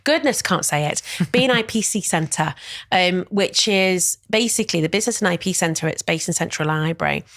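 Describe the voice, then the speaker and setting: Appearing as an interview guest, a middle-aged wellness event director talks in a chatty, warm way, leaning on fillers and "you know." Her lowish voice is expressive and moderately paced, with no echo.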